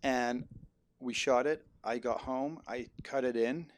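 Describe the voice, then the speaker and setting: Podcast guest: middle-aged man, medium pitch, reflective and self-effacing, dry studio sound. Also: fairly even intonation, slow pace, no room sound. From Netherlands. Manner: reflective and modest, with frequent ums. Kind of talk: casual conversation.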